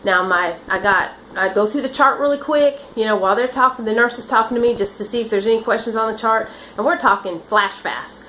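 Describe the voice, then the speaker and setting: A woman's voice: fairly high pitch, a little fast, hardly any pauses, bright, forceful tone, a little hiss or hum, poor audio. A woman who works as a nurse, telling her stories in a rambling, earnest way with many restarts. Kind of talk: casual storytelling.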